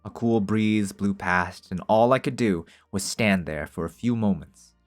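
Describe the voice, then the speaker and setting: A man's voice: fairly low pitch, unhurried, soft background music. Man narrating a game, swearing between lines. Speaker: streamer reading a visual novel aloud. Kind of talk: story narration mixed with casual commentary.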